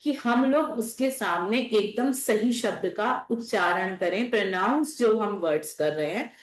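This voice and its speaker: A woman's voice: medium pitch, a little slow. A woman teacher giving a classroom lecture, explaining patiently and checking in with her students often. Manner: explains patiently, repeats and checks with "theek hai". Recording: echoey classroom.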